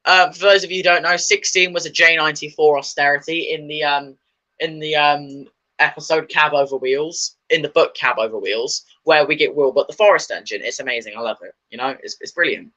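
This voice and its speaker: A man's voice: fairly high pitch, a little fast, pushed and bright, muffled recording. A man chatting casually about his opinions, rambling and enthusiastic, with many fillers and restarts. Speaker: video host.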